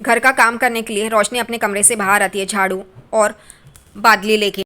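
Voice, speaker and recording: Woman, high voice, bright tone, chatty serial recap narration. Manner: chatty, lively narration with acted quotes. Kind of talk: casual storytelling recap.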